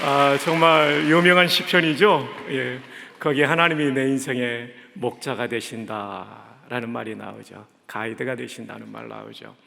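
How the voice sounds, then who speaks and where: A male guest pastor from Daejeon preaching in a warm, conversational way. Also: medium pitch, moderate pace, creaky, some chatter behind, slight background noise. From Daejeon, South Korea. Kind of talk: sermon. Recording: echoey church sanctuary.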